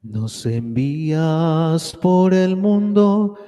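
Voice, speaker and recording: A cantor, a man with a high, smooth and warm voice, who sings the responses and hymn in long, sustained phrases. Faint instruments play under him, and everything rolls out into a broad cathedral echo. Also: expressive, drawn-out words, dull audio. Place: large church. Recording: long church-hall reverb with music.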